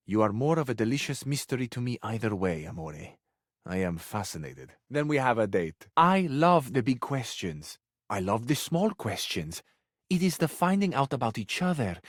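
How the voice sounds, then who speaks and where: A male actor with a medium-pitched voice and an Italian accent plays a flowery, sensual, effusive Italian suitor in a video game who flirts far too eagerly. The recording is studio quality with no room sound.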